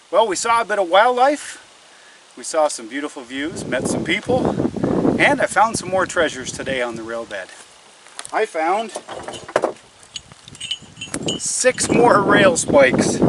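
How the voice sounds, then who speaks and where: A man's voice: a little high, sing-song, a little slow, long pauses. A middle-aged man talks to viewers in an outdoor vlog, folksy and full of wonder. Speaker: vlogger. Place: outdoors in woods and a logged clearing. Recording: windy outdoor audio, far from mic.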